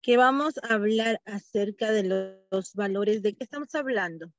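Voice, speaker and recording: A woman teacher guiding an online class, asking questions slowly. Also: mid-range voice, no room sound. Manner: slow, guiding, asks questions. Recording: muffled, dry video-call audio.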